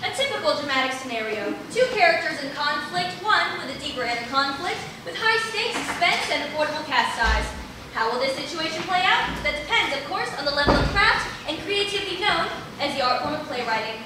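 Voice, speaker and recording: A young woman playing a brisk, wry playwriting lecturer in a live stage comedy sketch, lecturing with dry asides, recorded from far off in a theater. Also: high-pitched, very animated. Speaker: stage actor. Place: large indoor theater stage. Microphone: distant camera mic. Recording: echoey hall from far off, noisy.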